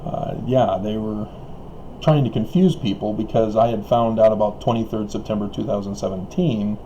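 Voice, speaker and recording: Heard through a rough recording with slight background noise, a fairly low, warm male voice carries a rambling solo monologue. The online video commentator keeps chuckling between remarks and hesitating with fillers and restarts, and his voice wears out until he coughs.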